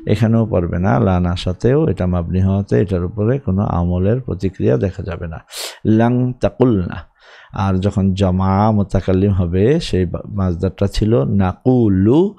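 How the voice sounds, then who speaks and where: A man gives an Arabic grammar lesson in a low, creaky voice with a dark tone and a Bangladeshi Bengali accent. He recites the verb forms slowly, then moves on to quick explanations.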